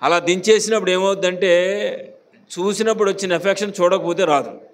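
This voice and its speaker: A pastor with a Visakhapatnam accent, preaching a sermon to a congregation in a chatty way, often putting questions to them. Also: male voice, sits high, steady tone, brisk. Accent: Visakhapatnam Telugu. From Andhra Pradesh, India.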